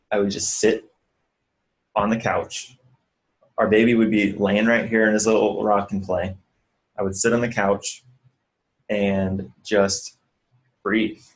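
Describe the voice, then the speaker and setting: In a casual vlog, a male physical therapist who owns a clinic offers earnest, conversational advice and guides the viewer through breathing. His voice is lowish, and the audio quality is poor.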